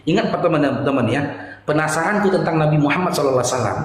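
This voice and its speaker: A man telling his own life story to friends in conversation, animated and emotional, swinging from loud bursts to hushed asides. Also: fairly high pitch, rapid-fire. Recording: echoey hall with long reverb.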